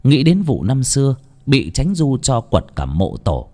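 A man narrating a story in an unhurried, dramatic way. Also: medium pitch, wildly swooping pitch, darkish tone. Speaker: audiobook narrator.

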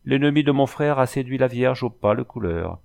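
A man's voice: medium pitch, animated, brisk, vocal fry, darkish tone. A man voicing an old sorceress who speaks in solemn, cryptic riddles. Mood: oracular. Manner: solemn, oracular speech in riddles.

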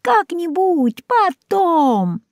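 Brief: shrewd old tomcat from a storybook, read by a woman, measured and knowing. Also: extremely high pitch, dry recording, studio quality, voice pushed up, heavily acted. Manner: calm, knowing and decisive. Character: wise old scheming male house cat.

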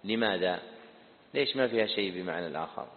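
Man, creed teacher, repeats phrases slowly, quizzes students, tinny phone-like sound, long hall reverb. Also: sits low, lively intonation. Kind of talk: classroom lesson on creed.

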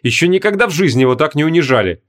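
Animated male audiobook narrator. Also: a little high, rapid-fire. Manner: animated, voices characters. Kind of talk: expressive audiobook reading.

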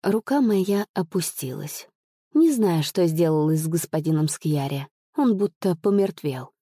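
Woman reading a storybook aloud, low mellow voice, dry close sound. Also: husky, no echo. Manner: expressive, measured storytelling. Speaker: audiobook narrator. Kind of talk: audiobook reading.

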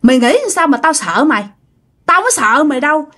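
A woman with a Mekong Delta accent voicing the possessive spirit of a dead male soldier, in a shrill, insistent, taunting tone. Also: big pitch swings, normal speed, sharp tone, exaggerated voice. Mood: defiant. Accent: Southern Vietnamese (Mekong Delta).

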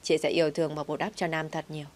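A woman's voice: sits low, little pitch movement, very fast, a little mellow, lightly acted. A woman reading the part of a well-off woman who talks in a blunt, teasing, matter-of-fact way. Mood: eager.

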